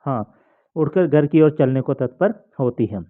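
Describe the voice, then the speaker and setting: A man's voice: on the high side, animated, moderate pace. A man reading a play aloud, plainly reading out the stage directions. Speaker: reader. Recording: tinny phone-like sound.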